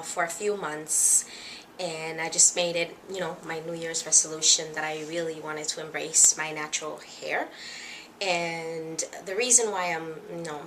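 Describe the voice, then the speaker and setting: A young woman from the Dominican Republic talks to camera in a casual first vlog, pausing often with fillers and sounding a little nervous. Her voice sits a bit low yet has a bright, forward edge. Faint background noise is heard behind her. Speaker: vlogger.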